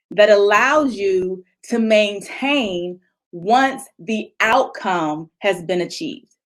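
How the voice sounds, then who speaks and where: A woman coach giving a live motivational talk over a video call. She talks in a lively, conversational way, acts out people's inner voices and answers audience comments as she goes. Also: medium pitch. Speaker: motivational coach leading a retreat session.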